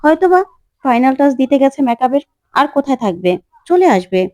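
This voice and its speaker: A woman's voice: sits high, sing-song, fairly quick, darkish tone, no echo. A woman voicing a heartbroken young woman who is wistful and resigned, speaking in a plaintive, pleading way.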